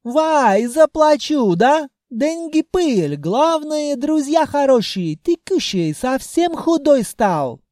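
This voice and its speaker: A reader voicing an effusive, jolly male wizard who runs a kebab house and speaks broken Russian with loud exclamations. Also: sits high, slow, dry recording, clean studio sound, voice pushed up. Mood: cheerful. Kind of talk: audiobook character voice.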